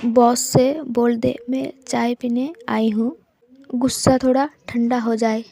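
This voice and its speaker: A woman's voice: a little high, little pitch movement, slow, creaky, dark tone, soft background music, heavily acted. A woman voicing a guarded young woman who answers with blunt, dry sarcasm. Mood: hushed.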